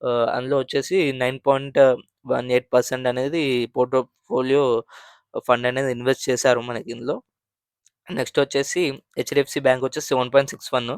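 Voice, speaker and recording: A man's voice: mid-range voice, flat delivery, quick pace, long pauses, clear, resonant tone, no room sound, studio quality. A man hosting a finance channel, explaining mutual fund figures in a conversational way, with frequent fillers and restarts. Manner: conversational, many fillers and restarts, mixes English terms.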